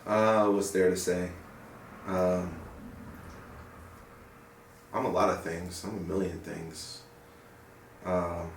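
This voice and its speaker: A young man speaking in an interview in an earnest, reflective way, often pausing to search for words. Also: sits low, a little hiss or hum. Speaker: interviewee, paramedic. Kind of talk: sit-down interview. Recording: roomy sound from a distant mic.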